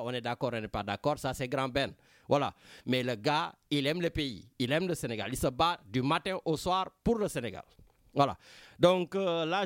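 A man with a Senegalese French accent, hosting a radio talk show in a casual, animated way, often repeating himself and talking to a co-host. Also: a little high, no echo, clean studio sound. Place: Marseille.

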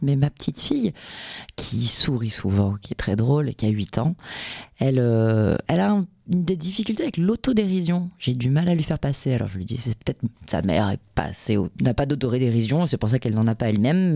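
Gravelly host asking for advice. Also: medium pitch, darkish tone, dry recording, clean studio sound. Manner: reflective, asks questions and sums up the other's points. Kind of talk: casual conversation.

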